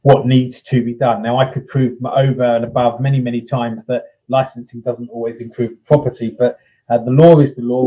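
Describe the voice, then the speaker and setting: A man's voice: medium pitch, warm tone, rough recording. A man giving a plain-spoken talk on landlord licensing rules, explaining with everyday comparisons and frequent ums.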